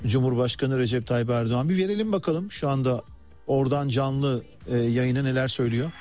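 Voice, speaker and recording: A man with a medium-pitched, dark voice presents live radio news and commentary at a fairly quick pace over soft background music. He addresses listeners in a hesitant, conversational way and turns to his colleagues mid-broadcast.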